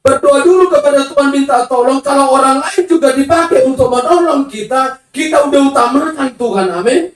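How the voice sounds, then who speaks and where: Woman preacher, high voice, emphatic, calls out to the congregation, booming hall echo from far off. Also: fairly quick, soft background music. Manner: emphatic, calls out to the congregation, sometimes sings phrases. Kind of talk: sermon.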